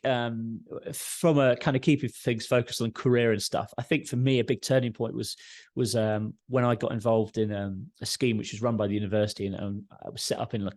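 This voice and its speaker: A man's voice: lowish voice, a little mellow, no echo, clean studio sound. A man in his thirties with a southern English Home Counties accent, chatting informally and discursively as an interview guest. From Surrey, southern England. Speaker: podcast guest, tech and audio entrepreneur. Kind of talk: casual interview chat.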